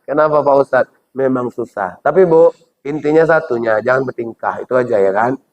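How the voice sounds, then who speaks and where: A man's voice: medium pitch, a little fast, a little hiss or hum. A man preaching a humorous sermon with a Medan Indonesian accent, joking and acting out quoted voices. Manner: jokey, playful, acts out quoted voices. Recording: dull lo-fi recording.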